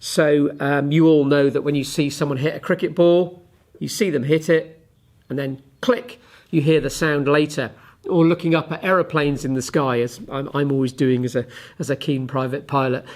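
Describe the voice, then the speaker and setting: A man teaching a physics lesson to camera, chatty and unhurried, often pausing with ums while he demonstrates with objects. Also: on the high side, fairly even intonation, darkish tone. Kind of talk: relaxed classroom explanation to camera.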